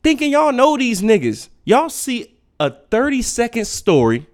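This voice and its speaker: A man's voice: very high voice, wildly swooping pitch, a little slow. Profane ranting man with a swooping voice. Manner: profane, blunt, lecturing. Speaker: podcast host. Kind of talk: unfiltered solo rant.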